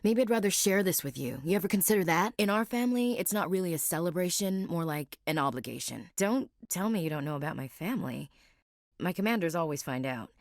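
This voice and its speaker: An actress delivers video game lines as a young woman marine gunnery chief, frank, wry, devout and plain-spoken. Her fairly low voice moves briskly with lively intonation. The studio sound is clean, with no room sound.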